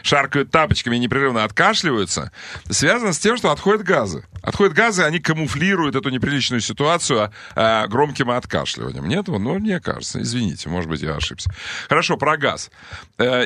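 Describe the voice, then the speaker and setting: A male radio host holds forth in a rambling, irreverent, joking manner. His voice is bright and his pitch swings animatedly, and the sound is close and dry with no room around it. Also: very animated, a little fast, no room sound. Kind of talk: radio talk show.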